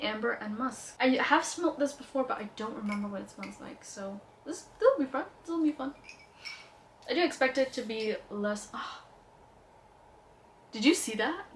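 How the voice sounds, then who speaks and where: Fairly high-pitched and a bit bright, a young woman's voice carries a light Indian accent as she reviews perfumes for her beauty vlog. She's playful and eager throughout, with slight background noise behind her.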